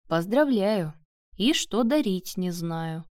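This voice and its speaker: A woman voicing an eager, bold young woman who is quick to speak up. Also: medium pitch, animated, darkish tone, no echo, clean studio sound. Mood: cheerful.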